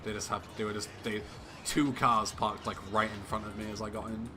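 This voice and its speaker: Low-key man narrating his speedrun. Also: flat delivery, a little fast. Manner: casual, low-key, swears freely. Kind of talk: live gameplay commentary. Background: game music and sirens.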